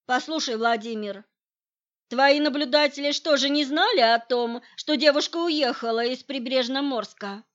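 A woman's voice: high voice, moderate pace, dull audio, voice pushed up, natural voice. A woman reading the lines of an insistent man who reproaches his partner for hiding information. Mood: probing. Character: pushy man demanding shared information.

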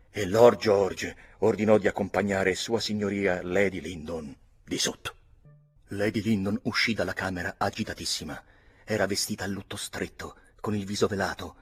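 A man reading a novel aloud in the first person, hushed and often dropping to a whisper. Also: sits low, slightly rough. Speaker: audiobook reader.

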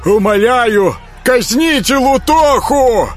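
A terrified stable hand with a high, trembling, stammering voice in an audiobook. Faint music sits underneath. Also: male voice, animated, slow, full character voice.

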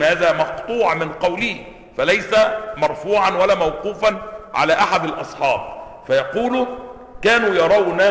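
High, bright Egyptian sheikh teaching. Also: male voice. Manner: explains, asks the class questions, repeats words to demonstrate pronunciation. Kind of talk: classroom lecture on Quranic sciences. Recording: echoey hall, long reverb.

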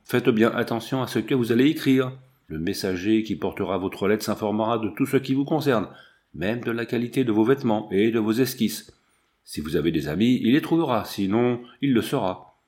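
A man's voice: lowish voice, darkish tone, close to an everyday voice. A man reading the part of a menacing, greedy brigand chief who sneers at his captive, with Italian oaths. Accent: Italian words sprinkled in French. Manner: sneering, scornful.

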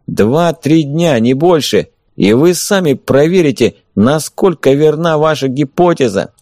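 A slick enemy envoy calling out in a raised, high, sugary voice, as a man reading an audiobook puts him on. His pitch swoops widely while he coaxes, recorded dry and close. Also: animated, a little slow, dry recording. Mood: persuasive. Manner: ingratiating, calling out loudly. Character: smooth-talking male enemy envoy, coaxing and insincere. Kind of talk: audiobook character voice.

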